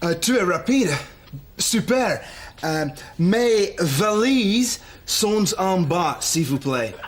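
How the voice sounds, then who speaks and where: A cheerful young man fumbling through French, with a high, bouncing voice. He talks very slowly and slips into English. The sitcom audio carries clear background noise. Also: lively intonation, heavily acted. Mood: confused. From United States. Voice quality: halting French mixed with English words. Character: cheerful young American man, awkward and friendly. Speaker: actor in a French learners' sitcom.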